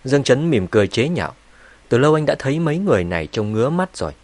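Brief: male audiobook narrator, mid pitch, steady read, close dry mic. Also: racing, no room sound. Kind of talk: serialized novel narration.

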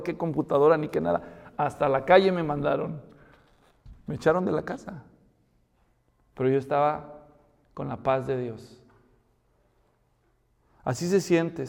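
A man's voice: fairly high pitch, creaky, darkish tone, in a large hall. A man preaching a sermon as pastor, asking the listeners questions and building to emphatic peaks.

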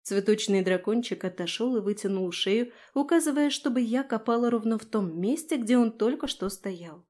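A woman reads a first-person fantasy novel aloud with expressive, storytelling delivery. Her voice sits a little higher than most women's, yet its tone is soft and mellow. The narration flows warmly, with gentle emphasis. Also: normal speed, hardly any pauses. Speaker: audiobook narrator.

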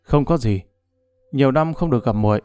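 A man's voice: medium pitch, brisk, warm tone, smooth, soft background music, lightly acted. A man reading an earnest young swordsman. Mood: forced cheer. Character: young male martial artist, earnest and tender.

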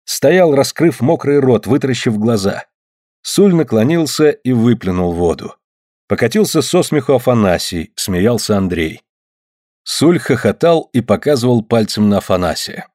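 A man tells a story in an expressive audiobook reading, his pitch moving freely up and down. His voice is husky, and the recording is dry and close. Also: moderate pace, dry recording. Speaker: narrator.

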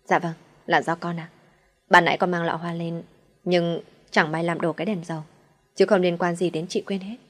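A level-headed young woman, read by a woman narrator, polite yet firm. Her voice sits slightly low. A storybook audio reading. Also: flat delivery, normal speed, lightly acted.

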